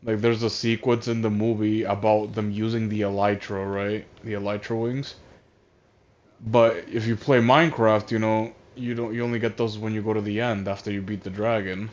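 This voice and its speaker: A man's voice: lowish voice, level tone, moderate pace, a little mellow. A man ranting casually on a voice call, rambling and exasperated, with lots of swearing and restarts. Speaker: streamer. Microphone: voice chat headset. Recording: dull lo-fi console chat audio.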